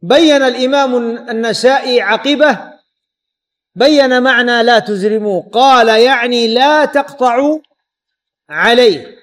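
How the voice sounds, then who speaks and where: A man giving an Islamic lesson explaining a hadith, repeating key words and pausing to quiz his students. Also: very high voice, a bit bright. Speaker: hadith teacher.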